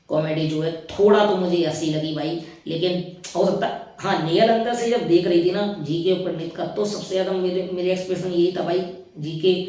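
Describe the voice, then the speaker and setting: A man's voice: on the high side, a little mellow. A man giving casual, opinionated spoken commentary on a reality show, chatting straight at his listeners. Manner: chatty, opinionated, keeps addressing listeners as brother. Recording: very echoey room, far from the mic.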